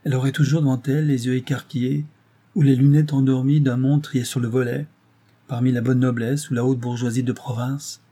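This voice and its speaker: A man reading a classic novel aloud as an audiobook narrator, steady and literary. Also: mid-range voice, fairly quick. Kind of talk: scripted narration.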